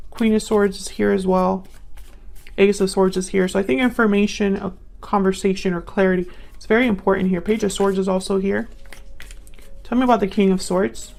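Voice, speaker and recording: Woman, tarot reader, casual, thinking aloud, gravelly edge, mid pitch. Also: a little mellow. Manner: musing, thinks aloud while pulling cards.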